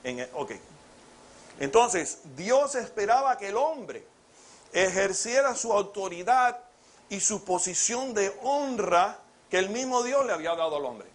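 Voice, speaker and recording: High-voiced man preaching a sermon. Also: a little slow. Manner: expressive, rhetorical questions, acts out biblical dialogue.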